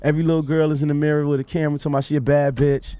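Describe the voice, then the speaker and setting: A man's voice: on the high side, little pitch movement, rapid-fire, dark tone, dry recording. A man in his twenties with a New York accent, chatting casually as an interview guest in a laid-back, drawling way. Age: 20s. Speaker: rapper guest.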